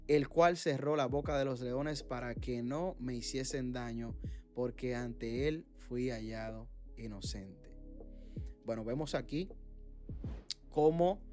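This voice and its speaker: Man teaching Bible study over soft music. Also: mid-range voice. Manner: reads scripture aloud, then explains it with many fillers. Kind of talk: informal Bible study reading and commentary.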